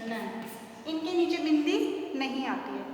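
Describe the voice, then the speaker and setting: A school teacher with a Hindi, North Indian accent gives a classroom grammar lesson in an animated, high, slightly mellow voice. She poses questions and answers them herself, stretching key words slowly. The echoey, distant room recording has faint noise.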